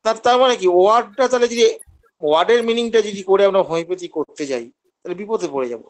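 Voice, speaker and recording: A man's voice: high voice, lively intonation, fast talker. A man teaching homeopathy in an online class, explaining at length and acting out how patients speak. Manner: explanatory, acts out patients' lines.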